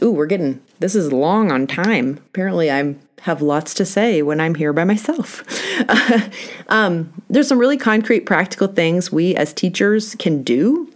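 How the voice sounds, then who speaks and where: A woman with a low voice hosts her own podcast, telling classroom stories and acting out the people in them. She is candid and laughs at herself when things go wrong. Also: expressive, measured pace. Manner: candid, self-deprecating, storytelling with quoted dialogue. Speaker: podcast host, teacher. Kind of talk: solo podcast talk. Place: indoors, talking alone into a mic.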